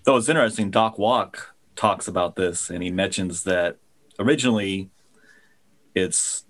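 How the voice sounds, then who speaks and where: A man with a very low voice, co-hosting a laid-back comic book podcast. He talks in a chatty way and explains ideas with an easy laugh mixed in. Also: normal speed, fairly bright tone. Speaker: podcast co-host. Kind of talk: casual comic book discussion.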